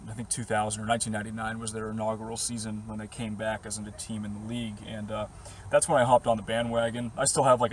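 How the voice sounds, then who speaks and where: Filling his casual talk with ums and quick laughs, a young Boston-area vlogger rambles through viewer questions from his parked camper van. His voice is a little hoarse and worn, pitched in a normal middle range, and faint outdoor sounds hum in the background.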